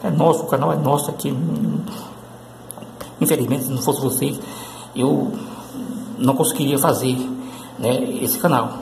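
A man's voice: mid-range voice, fairly even intonation, normal speed, creaky, pauses often, a little mellow, slight background noise. Rambling man teaching English, echoey room. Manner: rambling, full of tag questions and fillers. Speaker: English teacher and channel host. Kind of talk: casual video lesson.

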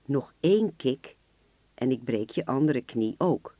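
A man's voice: mid-range voice, expressive, measured pace, warm tone, dry recording, lo-fi sound. A man doing a polite, coldly menacing hitman. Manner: polite on the surface, coldly threatening. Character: soft-spoken menacing hitman posing as a father. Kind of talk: radio play acting.

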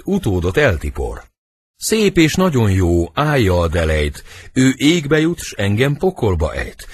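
A man reading the part of Romeo, a brooding lovesick young nobleman, in husky, lyrical verse for an audiobook. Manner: lyrical verse reading, wide swings in pitch.

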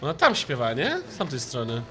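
A man's voice: wildly swooping pitch, a little fast, a little hiss or hum. Jumpy young man streaming a horror game. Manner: jumpy, shrieks and yells when scared, then mutters low. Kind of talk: live gameplay commentary.

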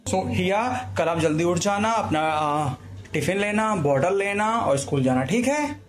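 A woman's voice: lowish voice, expressive, a little slow. Mother coaxing her child in a sing-song voice. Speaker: family vlogger, mother. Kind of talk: casual home vlog talking with her young daughter.

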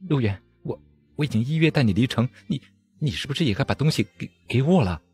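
A man's voice: medium pitch, lively intonation, fast talker, darkish tone, slightly rough, pitched above the performer's own voice. A man reading a storybook aloud, voicing a cold, scornful young female swordswoman who sneers and snaps impatiently. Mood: softer.

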